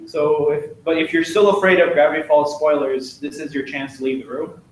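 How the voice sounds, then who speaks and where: A young man gives a casual, joking club talk with slides, chatty and full of fillers, as a student club presenter. His voice is a little high, steady, and fairly quick, captured by a distant room mic in a very echoey classroom.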